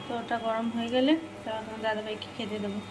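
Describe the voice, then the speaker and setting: A woman's voice: fairly high pitch, little pitch movement, very fast, very noisy. A woman from India chatting casually to her viewers in a home vlog from her kitchen, talking straight to them with plenty of "I mean.". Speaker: daily vlogger.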